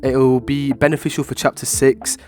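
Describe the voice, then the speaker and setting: A man's voice: medium pitch, level tone, brisk, darkish tone, soft background music. Congested, nasal man giving casual commentary. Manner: informal, rambling, frequent hedging with "like" and "obviously". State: ill with a blocked nose. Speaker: gaming video creator. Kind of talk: casual opinion commentary to viewers.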